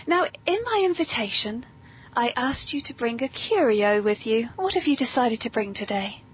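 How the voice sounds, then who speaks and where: Through a dull, lo-fi recording with background noise, a British woman hosts a podcast in a husky, animated voice on the high side, at a moderate pace. Her style is genteel, very polite, and playfully theatrical, blending whimsical script with genteel chat.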